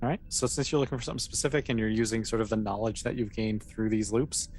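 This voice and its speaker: A game master narrates a tabletop game off the cuff, talking quickly in a medium-pitched, slightly mellow voice. His explanations are loose and conversational, full of asides.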